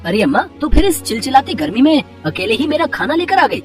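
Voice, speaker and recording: A man's voice: extremely high pitch, very animated, fairly quick, far from the mic, music in the background. A man playing a put-upon young farmer husband. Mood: pleading.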